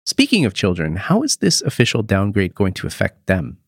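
A man's voice: lowish voice, wildly swooping pitch, moderate pace, creaky, slightly rough, no room sound, studio quality. A man hosting a news podcast, asking a guest short, plain questions about the week's headlines. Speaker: podcast host.

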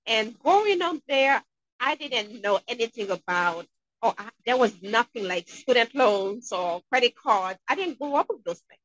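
Upbeat Haitian-accented woman, lively pitch. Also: moderate pace, no room sound, low-quality recording. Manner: upbeat, expressive, acts out quotes. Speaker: guest dentist. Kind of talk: interview conversation.

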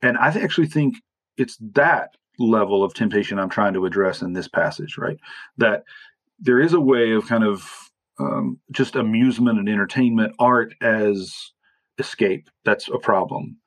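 A man's voice: fairly low pitch, animated, moderate pace, dry recording. A man, an author and theologian, talking through ideas in a reflective interview and often checking in with "right?". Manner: thoughtful, qualifying with frequent "right?".

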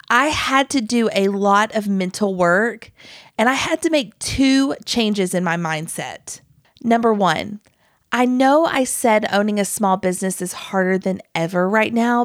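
A woman's voice: mid-range voice, no echo, studio quality. Earnest woman podcast host. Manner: earnest, emphatic, addresses listeners as friends and y'all. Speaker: podcast host and small business owner. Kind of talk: scripted solo podcast talk.

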